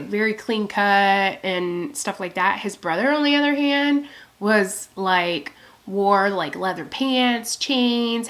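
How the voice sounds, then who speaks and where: A talkative woman in her thirties, swearing freely as she rambles through a story. Her voice has a gravelly fry under a middle pitch. She speaks to her own camera at home. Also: a bit bright. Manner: chatty, profane, storytelling with quoted asides. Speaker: beauty vlogger. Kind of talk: rambling get-ready-with-me chat.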